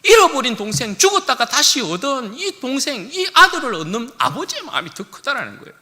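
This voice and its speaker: A male pastor preaching a sermon with dramatic swings between hushed and loud delivery. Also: very high voice, big pitch swings, a little fast. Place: church sanctuary. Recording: echoey church hall.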